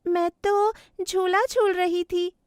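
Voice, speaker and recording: Small frightened girl bird for a cartoon, high childlike voice, voiced by a woman. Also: fairly even intonation, takes it slowly, no echo, clean studio sound. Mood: confused. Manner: high childlike calls for her parents. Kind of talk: Hindi cartoon voice acting.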